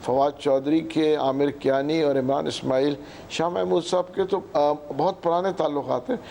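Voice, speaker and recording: A man in his sixties with a Pakistani Urdu accent, answering as a political guest in slow, halting sentences full of fillers, often clearing his throat. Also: on the high side, steady tone, warm tone, a little hiss or hum. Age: 60s. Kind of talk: hesitant interview answers.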